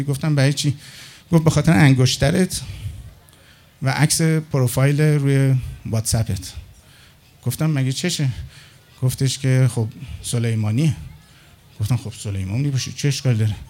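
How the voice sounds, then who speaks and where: A middle-aged man with a fairly high voice tells stories in a loose, casual monologue. He is animated and switches into the other people's lines as he recounts conversations. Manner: animated, acts out dialogue with others in his anecdotes. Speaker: storyteller.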